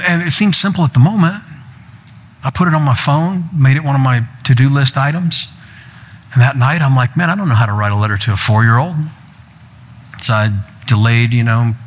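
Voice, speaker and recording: A man's voice: medium pitch, fairly quick. An older man preaching as a pastor, telling a personal story and quoting his family in playful raised voices. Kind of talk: sermon. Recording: long hall reverb.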